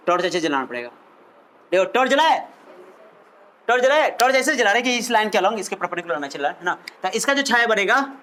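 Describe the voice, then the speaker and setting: High-voiced playful physics teacher. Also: male voice, bright, forceful tone. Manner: playful, teasing, repeats questions to students. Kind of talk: classroom lecture.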